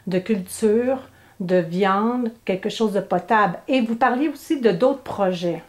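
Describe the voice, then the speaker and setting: A woman's voice: medium pitch, unhurried, darkish tone. A woman interviewer asking plain follow-up questions. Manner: plain, prompting follow-ups.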